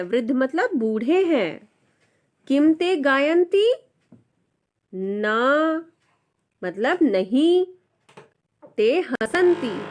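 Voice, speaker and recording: A woman teaching a textbook lesson in a slow, measured way. Her voice sits a bit high, and she says each word aloud before she explains it. Patient and steady, like a tutor going step by step.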